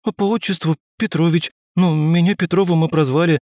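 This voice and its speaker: A man's voice: a little high, fairly even intonation, a little fast, darkish tone, dry recording, studio quality, voice pushed up, close to an everyday voice. A man voicing a flustered, nervous detainee who pleads his innocence in fussy, old-fashioned speech. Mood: relieved.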